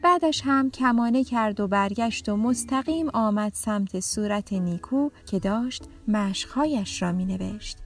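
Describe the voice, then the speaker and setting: A woman narrating a children's storybook in a gentle, expressive read-aloud manner. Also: on the high side. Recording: faint background music.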